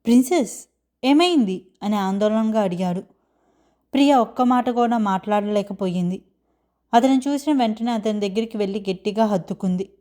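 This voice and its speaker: A woman reading a romance story aloud in a soft, gentle narrating voice. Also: medium pitch, normal speed.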